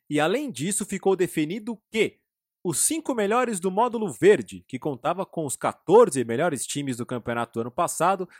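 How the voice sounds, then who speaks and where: Animated, high-pitched Brazilian man narrating, slightly husky. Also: no room sound, studio quality. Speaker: narrator and host. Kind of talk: scripted narration of football history.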